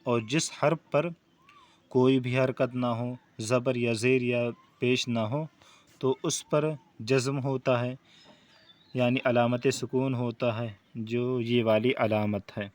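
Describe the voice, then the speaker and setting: Brief: patient male Quran teacher with an Urdu accent, mid pitch, slow careful letter drills. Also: fairly even intonation. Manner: patient, explains step by step, drills letter sounds slowly. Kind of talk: beginner reading lesson.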